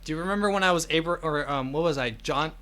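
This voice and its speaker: Speaking quickly in a fairly high, fairly bright voice, a young man hosts a podcast. It's relaxed chatter and storytelling, full of jokes and teasing.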